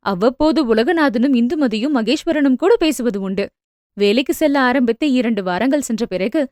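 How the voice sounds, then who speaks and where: A woman narrating a family novel as an audio book, telling the story in a steady, even way. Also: fairly high pitch, dry recording, clean studio sound.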